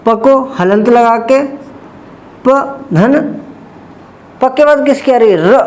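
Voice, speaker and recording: A man with a high voice teaches a grammar lesson at an unhurried pace. He walks through each step slowly and poses questions to the viewer before answering them himself. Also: a little mellow, highs cut off. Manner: slow, step-by-step explaining, asks and answers own questions. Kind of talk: exam-prep grammar lesson.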